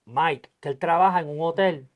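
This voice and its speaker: A podcast host with a slightly high voice at normal speed talks politics casually with a guest. He speaks emphatically and acts out quoted dialogue in his stories.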